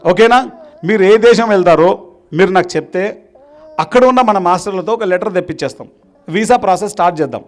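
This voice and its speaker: A man with a high-pitched voice delivers a rousing motivational speech to a room of students. He exhorts his listeners and keeps urging the crowd to clap. English words slip into his speech as he goes. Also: fairly quick, long pauses. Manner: exhorting, rallies the crowd to applaud. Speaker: meditation teacher addressing students. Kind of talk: motivational speech to a live audience.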